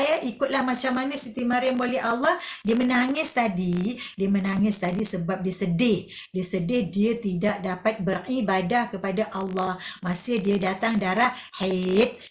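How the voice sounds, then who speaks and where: A woman gives a religious lesson to children. She asks questions, answers them herself and repeats key phrases. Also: mid-range voice. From Malaysia. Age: 50s. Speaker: religious teacher.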